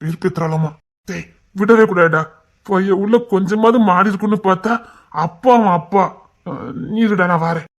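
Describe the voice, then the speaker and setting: A man performing a comic family skit in a loud, bossy and dramatic way. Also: high voice, moderate pace.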